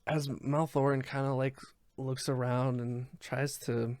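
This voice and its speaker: A man narrating a tabletop game as its dungeon master, in a middle pitch. His delivery is loose, full of ums and little restarts. The sound is close and dry, with no room around it. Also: flat delivery, slow, darkish tone, dry recording. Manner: loose narration with many fillers.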